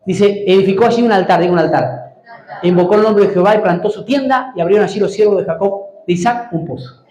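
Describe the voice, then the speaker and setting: A man's voice: high voice, fast talker, a little mellow, muffled recording. A male pastor, preaching a sermon and prompting the congregation to answer. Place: church hall. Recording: echoey church hall.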